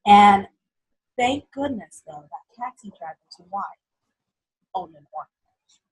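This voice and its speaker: A young woman from Haiti, a guest telling her life story in an interview in an earnest, halting way. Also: medium pitch, animated, slightly rough, poor audio.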